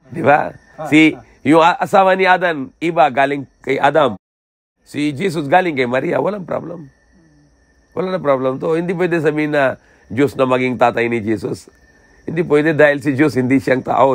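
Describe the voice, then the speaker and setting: A man's voice: on the high side, no room sound. Man preaching with constant rhetorical questions. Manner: simple broken phrasing, constant "di ba?" checks; rhetorical questions answered himself. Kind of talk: religious lecture.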